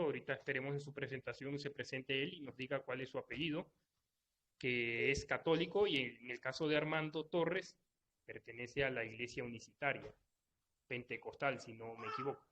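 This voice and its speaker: A man's voice: medium pitch, fairly bright tone. A man moderating a live online debate, formally laying out the rules step by step. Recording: dull lo-fi online audio.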